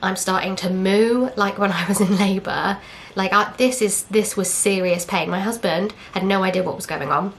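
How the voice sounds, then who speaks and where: At a moderate pace with hardly any pauses, a young woman from England speaks in a mid-range voice over slight background noise. As a vlogger, she candidly recounts a personal story in a chatty way, acting out others' lines with quoted dialogue and fillers.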